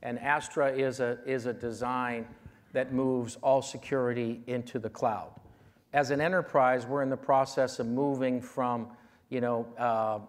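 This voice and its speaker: A man in his fifties, a keynote speaker, answering audience questions with measured confidence and frequent fillers on a large conference stage, on a lapel mic. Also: mid-range voice, steady tone.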